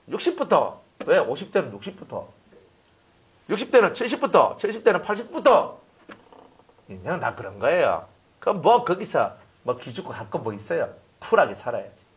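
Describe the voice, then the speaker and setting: Animated husky male pastor preaching. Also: fairly high pitch. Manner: animated, acts out little scenes with voices. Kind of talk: sermon.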